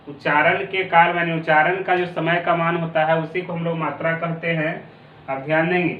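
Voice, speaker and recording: Recorded in a classroom through a distant, tinny, phone-like mic in an echoey room, a male teacher with a voice on the high side explains a lesson. He has a Bihari Hindi accent, repeats definitions, and draws out sounds, with a bit of hiss or hum audible.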